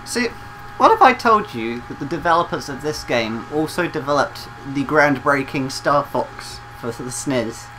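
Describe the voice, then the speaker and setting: Brief: let's play host, bright tone, sarcastic and giggly. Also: mid-range voice, lively intonation, a little slow, a little hiss or hum, rough recording. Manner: giggly, sarcastic, keeps laughing mid-sentence. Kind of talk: casual gameplay commentary.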